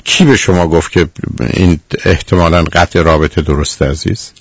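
Stern, gravelly radio counselor man. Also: sits low, fairly even intonation, no room sound, clean studio sound. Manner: stern, lecturing, repeats "dear" to the caller. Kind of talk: radio call-in advice.

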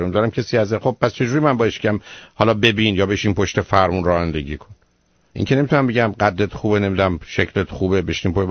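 A man's voice: medium pitch, no room sound, dull audio. A man hosting a radio call-in show as the advising doctor. He lectures the caller bluntly and keeps firing rhetorical questions.

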